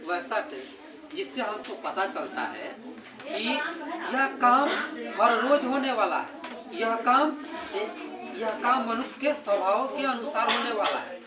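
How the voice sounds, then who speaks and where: A man's voice: very high-pitched, very animated, slow, crowd noise. A male teacher with a Bihari Hindi accent giving a grammar lesson, asking his own questions and answering them. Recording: echoey room, distant mic, background noise.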